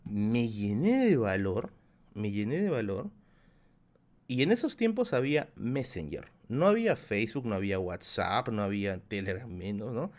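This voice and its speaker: A man's voice: on the low side, very animated, moderate pace, a little mellow. A man in his thirties with a Peruvian accent, telling a rambling story to his live chat as a streamer host, repeating phrases and laughing often. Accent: Peruvian Spanish. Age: 30s.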